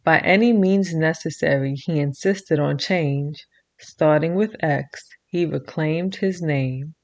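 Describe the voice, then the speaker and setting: A woman hosting a children's video, reading a rhyming picture book aloud and leading kids in games. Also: low voice. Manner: slow rhythmic rhyming read-aloud; bright sing-song teacher voice for kids. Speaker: children's show host.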